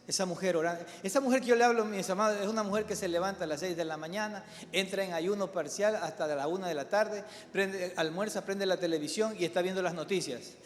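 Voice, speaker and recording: A middle-aged man, a pastor, preaching a sermon to his congregation, with emphatic exhortation and softer spoken storytelling. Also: high voice. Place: large church hall. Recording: live church hall with long reverb.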